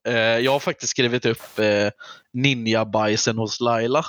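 A man's voice: mid-range voice, steady tone, a bit bright, no room sound, clean studio sound. A man, chatting casually as a podcast co-host on a slightly muffled microphone. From Gothenburg, Sweden. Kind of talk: casual chat.

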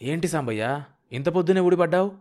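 A man's voice: a little high, lively intonation, normal speed, darkish tone, pitched above the performer's own voice, close to an everyday voice. A man voicing a wily, cautious middle-aged village broker who talks in an irritable, needling way. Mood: wary.

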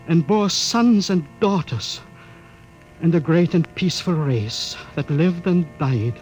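An actor playing a solemn, grieving scientist father in 1950s radio style, with deliberate dramatic pauses. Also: fairly high pitch, a little mellow, poor audio. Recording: hissy old radio broadcast disc.

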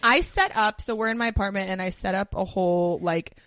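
A woman's voice: medium pitch, brisk, a bit bright, no room sound. Rambling, self-mocking comedian woman. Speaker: guest host, comedian. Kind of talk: casual comedy podcast chat.

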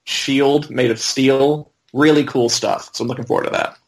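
A man's voice: medium pitch, fairly even intonation, normal speed, gravelly, rough recording. A man talking casually as a podcast co-host, in an informal, conversational way. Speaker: website editor and podcast co-host.

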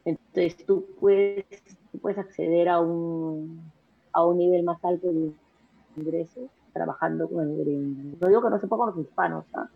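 Fast-talking woman on a tinny line. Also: on the low side. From Peru. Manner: fast, energetic talker with many restarts and repeated words. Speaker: interview guest. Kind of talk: casual conversational interview. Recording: husky voice over a tinny phone-like line.

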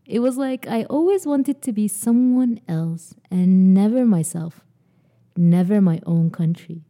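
A young woman from Sudan hosts a podcast, reading prepared lines in an earnest, personal way. Her voice is very dark and mellow, set at a mid pitch, and her delivery runs a little slow.

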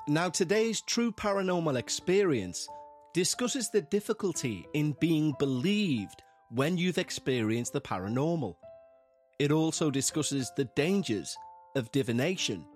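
A man hosting a podcast in a measured, polite, scripted way, speaking directly to listeners. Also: fairly high pitch. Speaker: podcast host. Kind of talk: scripted host narration for a paranormal podcast.

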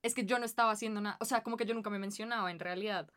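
A young woman, telling a story in animated, slangy casual chat. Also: mid-range voice, racing.

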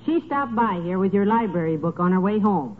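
An actress playing a fond, gently teasing wife in a 1950s radio comedy, on a tinny old broadcast recording. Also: female voice, medium pitch, animated, a little fast, background noise, natural voice. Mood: fond, amused. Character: fond, wry middle-aged wife. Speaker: comic lead in a radio sitcom.

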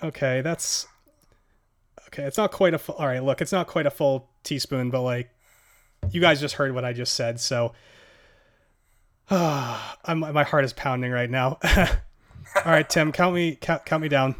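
This podcast host, medium-pitched and measured with long pauses, is gasping from hot sauce heat during a casual chat. His talk wanders, full of fillers and nervous laughs.

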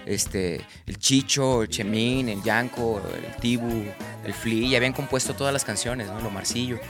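A man's voice: medium pitch, normal speed, music in the background. Slangy Mexican man telling stories. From Tabasco, Mexico. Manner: rambling slangy anecdotes, acts out quoted friends. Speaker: singer-songwriter guest. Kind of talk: casual storytelling interview.

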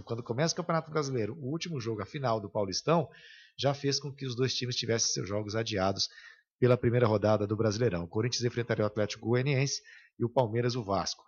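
A man with a Brazilian Portuguese accent, co-hosting a sports podcast, reading news briskly and adding wry interjections. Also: mid-range voice, breathy edge, lo-fi sound. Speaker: podcast co-host. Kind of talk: sports news read and banter.

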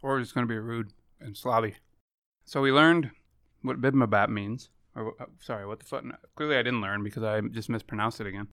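A man's voice: medium pitch, quick pace, sharp tone, clean tone, no echo, studio quality. A man hosting a casual podcast chat, joking and swearing freely, sometimes talking with his mouth full. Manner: joking, casually profane, talks through mouthfuls of food. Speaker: podcast host. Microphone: podcast microphone.

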